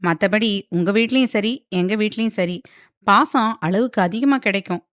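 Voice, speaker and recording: A woman's voice: medium pitch, moderate pace, a bit bright, no room sound, studio quality, close to an everyday voice. A woman voicing a blunt, wry young wife.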